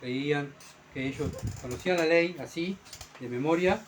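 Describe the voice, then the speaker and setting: A man's voice: on the high side, moderate pace, slight background noise, poor audio. A man, a pastor preaching a sermon emphatically, asking rhetorical questions and repeating his points.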